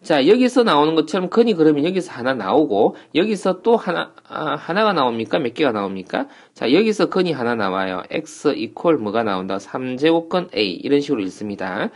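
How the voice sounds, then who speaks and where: A man records an online math lesson from a small tutoring room. He explains step by step, often pausing to ask the viewer questions. His pitch rises and falls a lot. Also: big pitch swings.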